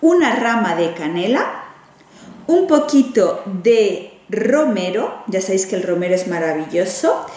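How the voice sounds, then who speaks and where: A woman's voice: medium pitch, measured pace, distant mic. A woman from Spain with a Spanish accent, standing at a table and demonstrating a ritual in a chatty tutorial, often checking in with her viewers. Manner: chatty, frequent "¿vale?" check-ins, animated hand gestures. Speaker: witch teaching rituals. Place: room indoors, standing at a table. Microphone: camera at a distance. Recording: echoey room, voice from off-mic.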